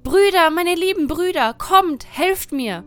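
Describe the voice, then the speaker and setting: A woman's voice: fairly high pitch, expressive, moderate pace, soft background music, close to an everyday voice. A woman voicing a frightened young wife who pleads and cries out for help in a fairy tale reading. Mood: desperate. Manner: pleading, crying out desperately.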